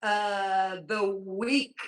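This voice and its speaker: A woman's voice: medium pitch, drawn-out words. An upbeat, enthusiastic woman chatting casually as a cruise director being interviewed. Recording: echoey room, distant from the mic.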